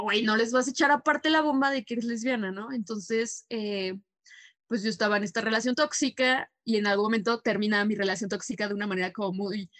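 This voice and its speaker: A young Mexican woman tells her own story on a podcast, talking quickly and casually with plenty of slang and fillers. Her voice sits a little high, and the recording is close and dry with no room sound. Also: a bit bright, no room sound. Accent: Mexican Spanish. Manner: fast, slangy, frequent fillers and laughs. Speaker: podcast co-host.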